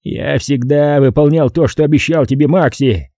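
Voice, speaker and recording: Man doing a hoarse, bellowing studio boss. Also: a little high, moderate pace, dry recording, voice pushed up, natural voice. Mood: placating. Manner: shouts and gloats. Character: blustering loud middle-aged male studio boss.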